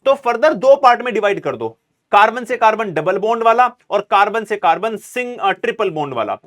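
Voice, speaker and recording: A man's voice: high voice, animated, brisk, a bit bright. A male teacher giving a casual exam revision lesson, repeating phrases as he writes and answering his own questions. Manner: calls students "bhai", casual.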